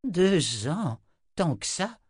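A man voicing an excitable, hot-tempered old wizard in an audiobook. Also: mid-range voice, very slow, no room sound, studio quality, pitched above the performer's own voice. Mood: agitated. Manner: agitated, exclaiming.

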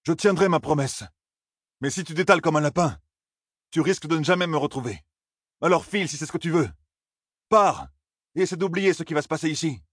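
A man's voice: on the high side, a little fast, long pauses, fairly bright tone, breathy edge, no room sound, studio quality, voice pushed up. A man voicing a defiant, weary young male village leader in a fantasy story. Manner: defiant, challenging.

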